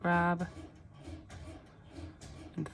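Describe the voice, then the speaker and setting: A woman giving a casual, step-by-step craft tutorial in a reassuring, unhurried way, often checking in, with machine noise behind her. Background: machines running, clicking sounds.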